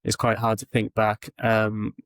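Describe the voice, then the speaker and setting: Speaking over a video call, an English recruitment founder answers interview questions calmly and evenly, saying um a lot. His lowish, resonant voice is clear and unhurried, with no room sound.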